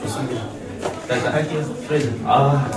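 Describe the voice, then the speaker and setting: A man's voice: mid-range voice, a little fast, a loud crowd. A man teaching math to a class, joking and telling stories between points. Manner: joking banter with students, storytelling. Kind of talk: classroom lecture. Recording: roomy classroom echo, distant mic.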